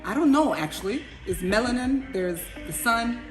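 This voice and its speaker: A woman chatting casually as an interviewer in a restaurant. She is animated, laughs often and turns to talk to her viewers. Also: a little high, moderate pace. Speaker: interviewer, vlogger. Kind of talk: casual chat. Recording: clear background music.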